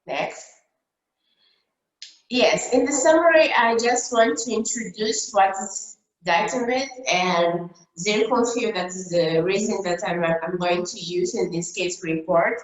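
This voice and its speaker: A woman from Brazil whose first language is Portuguese, giving a dentistry case report over slides on a video call, halting with many fillers and restarts. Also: medium pitch. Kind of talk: conference talk over slides. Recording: roomy echo.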